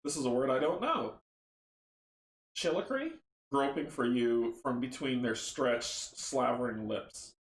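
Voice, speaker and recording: A man casually chatting and reading a horror board game story aloud, relaxed and rambling. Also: mid-range voice, measured pace, few pauses. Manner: relaxed, rambling, laughs at own slips. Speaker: tabletop game player and narrator. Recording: roomy echo.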